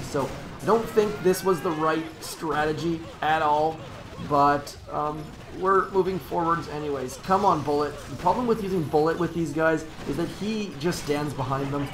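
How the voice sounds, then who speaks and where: Streaming a strategy game live against a noisy background, a man speaks at normal speed in a voice on the high side. His talk is easygoing, upbeat, and rambling, as he corrects himself and cheers his troops on aloud.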